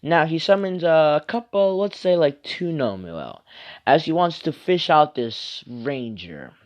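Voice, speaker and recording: A man's voice: on the high side, expressive, unhurried. A man reading an improvised fan story aloud, rambling with many asides and fillers. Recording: muffled lo-fi recording.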